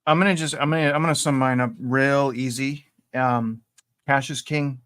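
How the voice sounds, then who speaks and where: A man hosting a casual live stream, teasing viewers and giving them shout-outs. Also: medium pitch, steady tone, normal speed. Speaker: host.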